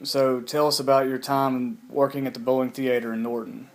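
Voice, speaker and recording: A man's voice: medium pitch, little pitch movement, moderate pace, a little hiss or hum. A man casually interviewing a family member with simple, informal questions. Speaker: interviewer, the older man's son.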